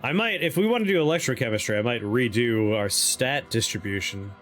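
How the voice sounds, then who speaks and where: A man's voice: medium pitch, lively intonation, a little fast, a bit bright. A man livestreaming a game, chatting casually and reading options aloud as he plays. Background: faint game music.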